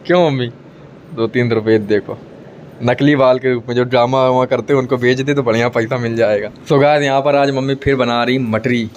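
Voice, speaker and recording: A man's voice: medium pitch, steady tone, a little fast, highs cut off, a little hiss or hum. A young man talking casually to his phone camera at home, teasing and chatty, often calling out to his viewers. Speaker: family vlogger. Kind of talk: casual vlog chat to the camera. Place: indoors at home.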